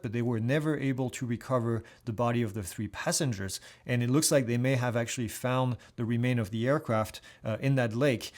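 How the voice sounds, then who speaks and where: A man presents a weekly aviation news roundup in a loose, conversational way. He restarts his sentences and fills the gaps with "uh," and his pitch sits in an ordinary middle range. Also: a little mellow. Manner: casual, conversational, with many fillers and restarts.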